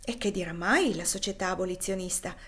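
A woman voicing a gentle, wry wealthy gentleman in an audiobook reading. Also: lowish voice, brisk, lightly acted.

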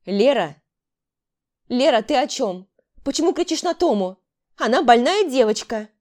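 A woman's voice: medium pitch, animated, a little slow, mellow, close to an everyday voice. Brief: a woman doing a flustered middle-aged mother, imploring and protective. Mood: anxious.

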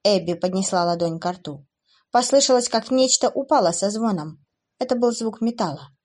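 A woman narrating a dark fantasy audiobook with an expressive, dramatic reading. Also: medium pitch, normal speed.

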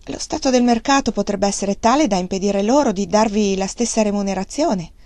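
Woman reading as a calm, earnest young lady. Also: medium pitch, a little fast, no echo, lightly acted. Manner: calm, reasoning.

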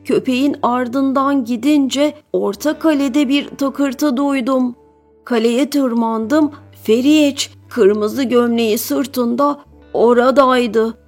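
A woman's voice: high-pitched, slow pace, a little mellow, faint music behind, voice pushed up, full character voice. Woman doing a small frightened boy soldier. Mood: reporting. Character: small frightened boy private, eager and breathless.

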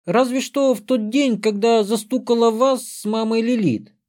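A man's voice: extremely high pitch, steady tone, moderate pace, darkish tone, pitched above the performer's own voice. A man voicing a sulky four-year-old drow girl in an audiobook, with a whiny, indignant child's voice. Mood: chattering.

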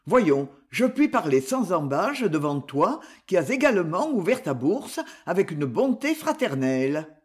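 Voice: mid-range voice, big pitch swings, measured pace, a little mellow. An audiobook reader voicing a hearty, frank village craftsman and father who speaks jovially and bluntly in a storybook reading.

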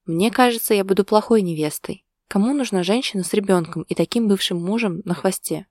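A woman's voice: medium pitch, a little fast, darkish tone, dry recording, natural voice. Woman reading a wry young wife, playful and skeptical, storybook romance, dry sound.

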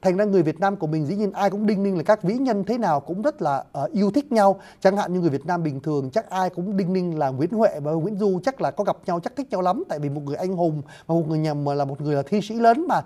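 A man's voice: high-pitched, fast, few pauses, mellow. A man giving a spoken lecture on classical poetry, explaining it word by word and often addressing his listeners politely, with hesitant fillers.

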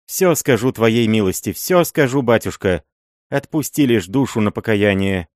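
A man's voice: on the low side, lively intonation, normal speed, no echo, clean studio sound, natural voice. A man voicing a crafty, fawning old male miller and sorcerer who wheedles and scrapes in an audiobook. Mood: pleading.

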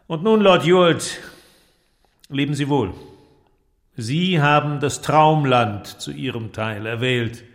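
In a literary audio drama, an actor plays a pensive, sombre middle-aged inventor, speaking in a measured, deliberate way with a creaky voice. The male voice is medium-pitched and a bit bright, and the mood is a solemn farewell.

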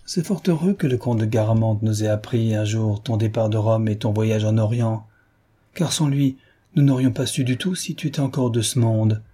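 A man's voice: fairly low pitch, moderate pace, mellow, slightly rough. A man voicing an effusive, petulant middle-aged mother who scolds fondly in a chattering way, in a novel reading. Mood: scolding.

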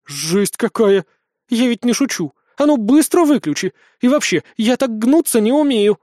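A man voicing a flustered old witch in a young woman's body, shrill, indignant and pleading. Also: lively intonation, normal speed, a little mellow, dry recording, clean studio sound.

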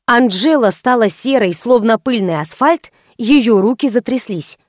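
A woman narrating a first-person detective story in a lively, wry storytelling manner, close to the mic. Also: fairly high pitch, measured pace, no room sound. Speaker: audiobook narrator.

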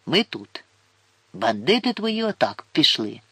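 A man voicing a gruff, mocking older forester who looks down on city folk. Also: on the high side, sing-song, measured pace, fairly bright tone, no echo, voice pushed up, full character voice. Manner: grumbling, scornful, folksy.

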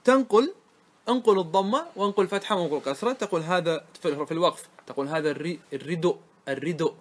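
A man teaching a grammar lesson to a class, explaining the rules and checking often whether his students follow. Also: sits high. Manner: asks students quick check questions; chants verses slowly. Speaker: sheikh teaching Arabic grammar. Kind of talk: classroom lecture explaining verse.

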